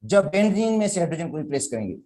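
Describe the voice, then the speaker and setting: A man's voice: fairly high pitch, very animated, quick pace, warm tone. A man from Pakistan with a Sindhi accent, teaching chemistry in a classroom lecture and explaining step by step while calling his students "beta".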